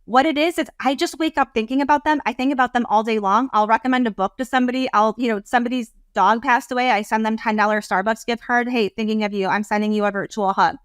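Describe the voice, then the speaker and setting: A woman business coach talking as a podcast guest, animated, rambling and heartfelt. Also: a little high, quick pace, few pauses, no room sound, studio quality. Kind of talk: casual interview talk.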